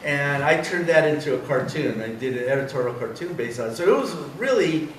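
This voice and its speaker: A man's voice: on the high side, animated, fairly quick, slight background noise. A middle-aged man from San Diego, an editorial cartoonist, telling digressive anecdotes at a convention and chuckling at his own stories. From San Diego, California. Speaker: editorial cartoonist giving a talk. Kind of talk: rambling anecdotal talk. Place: convention hall. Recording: roomy hall, distant mic, faint ambience.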